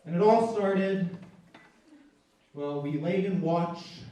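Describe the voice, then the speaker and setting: A man's voice: high voice, slow, warm tone, slight background noise. A young actor playing Scooby-Doo as a worldly male dog narrating his memoir on stage, with a dry, sardonic delivery. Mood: wry. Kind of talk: live stage performance. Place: theater stage. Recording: echoey hall from far off.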